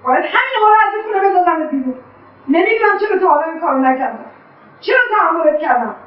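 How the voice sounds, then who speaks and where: A woman's voice: on the high side, expressive, lightly acted. An actress playing an embittered middle-aged mother who lashes out with scorn, in a radio drama. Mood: scornful. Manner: bitter, scornful outbursts. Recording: echoey, distant, dull lo-fi sound.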